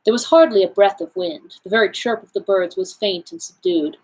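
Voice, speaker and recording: Husky woman reading a novel aloud. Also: medium pitch, expressive, a little mellow, rough recording. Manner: measured first-person narration with character voices. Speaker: library storytime reader.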